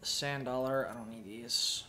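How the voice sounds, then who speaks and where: A man's voice: mid-range voice, steady tone, unhurried, pushed and bright, a little hiss or hum. Swearing man narrating his gameplay. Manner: profane, muttering to himself. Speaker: gameplay commentator. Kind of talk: casual gameplay commentary.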